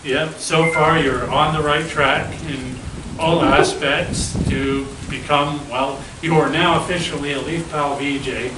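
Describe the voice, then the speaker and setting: A man's voice: a little high, steady tone, measured pace. A man interviewing a new VJ, rambling jokily through long questions. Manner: rambling, jokey. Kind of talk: casual interview chat. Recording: echoey room, distant mic, background noise.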